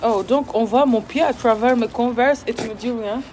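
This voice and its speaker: A woman's voice: on the high side, moderate pace, a little hiss or hum. A young woman, chatting playfully in a casual vlog and slipping English words in. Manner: playful, mixes in English words, swings from loud teasing to quiet talk. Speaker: vlogger.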